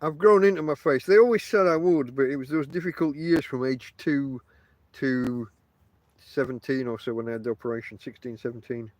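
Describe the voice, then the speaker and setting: On his podcast, this toothless middle-aged man shapes words with his lips over his gums, rambling casually and poking fun at himself with wry humor. He speaks briskly in a mid-range voice, with no room sound.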